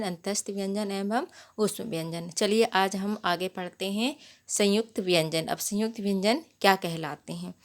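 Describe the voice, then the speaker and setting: A woman teaching a grammar lesson to young pupils, explaining step by step and often checking with questions. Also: mid-range voice. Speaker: primary school teacher. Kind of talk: Hindi grammar lesson for children.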